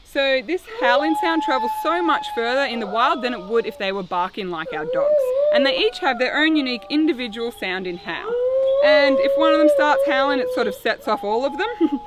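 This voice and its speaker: A woman with an Australian accent gives a friendly, educational zookeeper talk, explaining things simply. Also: high voice. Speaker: zookeeper, dingo keeper presenting. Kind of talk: educational keeper talk to camera.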